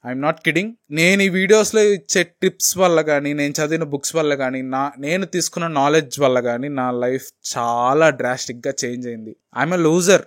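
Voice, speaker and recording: A man's voice: a little high, normal speed, hardly any pauses. A young man in his twenties with a Telugu accent, telling a candid personal story as a vlogger and slipping English phrases into his talk. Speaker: motivational vlogger.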